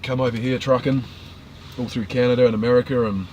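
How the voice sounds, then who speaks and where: A man's voice: medium pitch, level tone, fast, darkish tone, dull audio. A man with a broad New Zealand accent, chatting casually in a laid-back way with sweary slang. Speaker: truck driver. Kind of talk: casual banter. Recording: faint vehicle noise.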